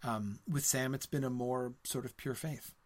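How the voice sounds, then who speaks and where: A man's voice: mid-range voice, fairly even intonation, normal speed. A musing man leading a book discussion. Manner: hesitant, many ums, ends points with "right?"; reads passages aloud between comments. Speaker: host of a book discussion stream. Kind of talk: live book discussion, answering chat.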